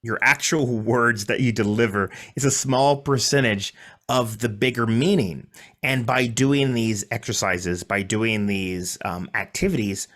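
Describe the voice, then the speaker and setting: A man on a podcast panel sharing his experience training public speakers in a relaxed, conversational way. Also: mid-range voice, unhurried. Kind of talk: panel discussion.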